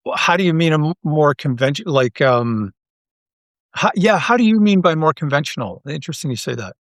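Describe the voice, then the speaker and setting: A man from Toronto, a writer and creator, talking as a guest in a relaxed interview, thinking aloud with many restarts. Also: a little high, fairly quick, no echo, studio quality. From Toronto, Canada. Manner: thoughtful, many restarts and stammers. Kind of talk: casual interview chat.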